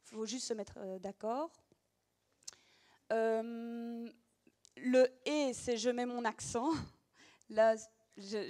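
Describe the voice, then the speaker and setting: A woman's voice: fairly high pitch, dark tone. A woman teacher giving an explanatory demonstration of reading gestures, talking patiently with frequent hesitations.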